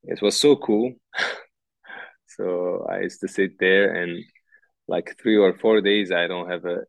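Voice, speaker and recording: A man from Uzbekistan, a podcast guest telling his own life story haltingly, with many pauses and restarts. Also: sits low, fairly even intonation, vocal fry, no echo. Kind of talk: emotional personal storytelling.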